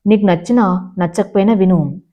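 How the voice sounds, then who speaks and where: A stern young male boss issues short, cold orders, as a woman narrator puts him on. The tone is mellow rather than harsh. The sound is slightly muffled and lo-fi. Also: mid-range voice, normal speed, lightly acted. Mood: cold command. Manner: curt, commanding.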